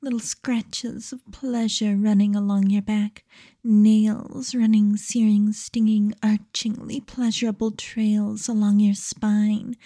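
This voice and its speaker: Speaking close to the mic, a woman hypnotist keeps a slow, hushed, commanding pace and level tone, often fading into a whisper. Her mid-range voice is captured in a dry recording.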